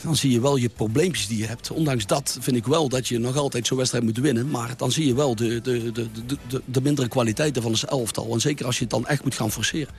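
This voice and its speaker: A male football trainer answers after a match, pausing often and restarting phrases. His voice sits at an ordinary middle pitch. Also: faint music behind. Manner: hesitant, many fillers and restarts. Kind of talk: post-match interview.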